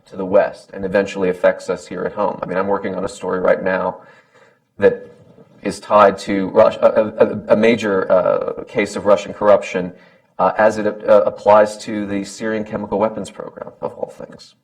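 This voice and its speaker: A man's voice: on the low side, little pitch movement, moderate pace, poor audio. A man speaking off the cuff on a panel in a hesitant, thoughtful way, often repeating words as he forms his point. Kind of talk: unscripted panel remarks.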